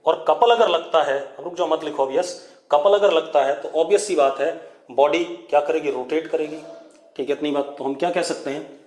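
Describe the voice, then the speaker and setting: A man's voice: a little high, fairly quick, a little mellow. Male physics teacher, echoey. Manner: asks students questions and repeats key words while writing; mixes Hindi with English dictation. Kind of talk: online class lecture.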